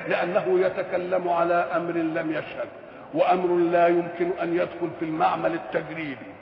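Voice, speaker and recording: Older Egyptian preacher, high gravelly voice. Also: male voice. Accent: Egyptian Arabic. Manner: rhetorical questions answered himself, drawn-out Quran recitation. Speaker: Islamic scholar giving Quran commentary. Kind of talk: colloquial Egyptian sermon. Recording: dull echoey hall recording with faint hiss.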